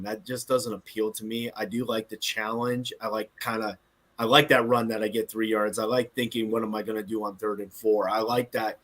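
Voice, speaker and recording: A man with a bright, forceful voice talks casually as a podcast co-host over a remote stream. He is chatty and laughs easily between points. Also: on the low side. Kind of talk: casual chat. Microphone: video call setup.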